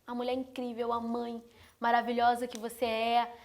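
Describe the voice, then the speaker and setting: A young woman from Brazil hosts with open emotion, breaking off and restarting her sentences as she praises her guest. Her voice sits fairly high. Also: completely flat delivery, a little mellow. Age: young adult. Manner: emotional, effusive, halting restarts. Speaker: host. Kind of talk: heartfelt interview chat.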